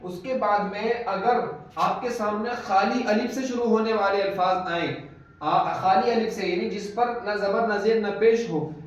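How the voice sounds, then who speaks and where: A man teaching rules of Quran reading in an online lesson, patiently repeating each rule several times. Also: high-pitched. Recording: echoey, dull, distant mic.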